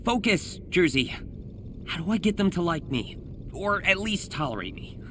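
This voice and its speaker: A young American superhero from a video game, earnest and anxious. His pitch moves in lively swings as he rambles, hesitates and puts himself down. There is a faint noise behind him. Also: moderate pace. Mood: awkward, worried. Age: young adult. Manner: rambling, hesitant, self-deprecating. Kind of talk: naturalistic game voice acting, spoken diary and messages.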